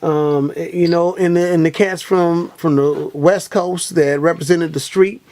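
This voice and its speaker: A man in his thirties from Milwaukee, an interviewer who asks questions haltingly with many fillers. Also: a little high, fairly even intonation, a little mellow. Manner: halting, many fillers like "you know what I'm saying". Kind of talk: casual interview chat.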